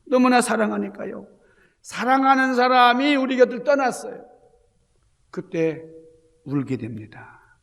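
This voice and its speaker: Gravelly pastor preaching in a reverberant sanctuary. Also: male voice, very high voice, big pitch swings, a little slow, pauses often. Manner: emphatic preaching with rhetorical questions to the congregation; swings between loud exclamations and hushed near-whispers. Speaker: senior pastor. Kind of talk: Easter sermon. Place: church sanctuary.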